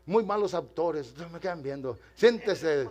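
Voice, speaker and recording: High-voiced older man preaching a sermon. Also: animated, a little slow. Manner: swings from quiet storytelling to loud impassioned preaching; addresses the congregation directly. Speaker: pastor. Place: church.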